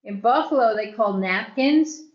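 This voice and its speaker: A woman's voice: on the high side, expressive, unhurried. Chatty older Long Island woman. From Long Island, New York. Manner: chatty, laughs often between remarks. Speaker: church member. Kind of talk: casual chat. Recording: roomy, dull sound with chatter.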